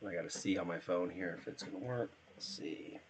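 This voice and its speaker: A man with a hoarse voice from being sick, chatting casually and thinking aloud while setting up a live stream and playing a game. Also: sits low, quick pace, noisy background.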